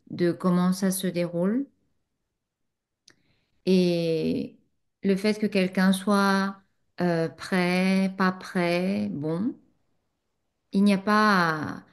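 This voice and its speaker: Answering a student in a satsang, a non-native French-speaking woman teacher talks in a fairly low voice. She's reflective, frequently pausing and using fillers.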